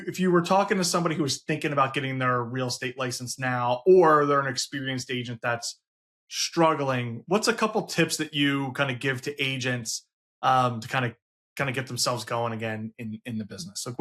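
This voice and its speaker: A man with a medium-pitched voice hosts a casual interview. He keeps up steady short replies and asks his questions in a conversational way. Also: fairly quick. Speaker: podcast host, team leader.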